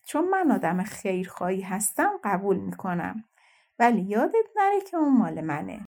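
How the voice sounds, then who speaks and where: A woman voicing a boastful, scornful yellow dwarf man in a fairy-tale audiobook. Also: medium pitch, big pitch swings, slightly rough. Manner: mocking, self-satisfied.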